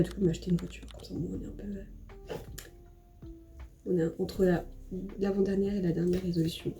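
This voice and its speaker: Chatty young French woman, mellow voice. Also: mid-range voice, slight background noise. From France. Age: young adult. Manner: chatty, rambling, self-deprecating, with many fillers and restarts. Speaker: vlogger. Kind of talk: casual chat while doing makeup. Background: soft background music.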